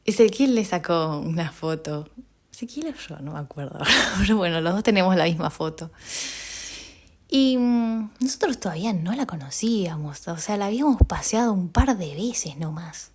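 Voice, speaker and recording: A woman with a Rioplatense Spanish accent, hosting a podcast and telling a personal story in an animated way, laughing often and filling her talk with small hesitations. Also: normal speed, husky. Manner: animated, laughing often, with frequent fillers and pitch jumps. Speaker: podcast host.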